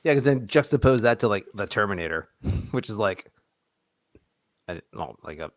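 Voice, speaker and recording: A man co-hosting a podcast in casual chat, animated and sarcastic. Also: moderate pace, no room sound, clean studio sound. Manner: animated, sarcastic, jumps into high exclaims. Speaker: podcast co-host.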